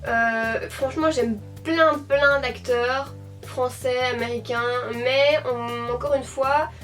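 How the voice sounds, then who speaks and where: A young woman in her mid-twenties with a Belgian accent, whose voice sits high. She chats to camera and wanders off track, correcting herself as she goes. She sounds a little distant from the mic, with soft music behind her. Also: steady tone, takes it slowly. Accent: Belgian French, Hainaut. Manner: chatty and rambling, with frequent fillers and self-corrections. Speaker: beauty YouTuber answering a tag. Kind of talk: casual chat to camera. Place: at home, indoors.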